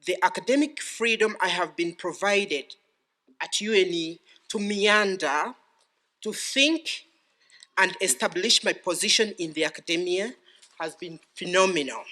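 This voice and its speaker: Man, Ugandan accent, middle-aged, formal podium speech, bright forceful voice, deliberate ceremonial phrasing. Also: sits high. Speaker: graduating PhD student giving vote of thanks.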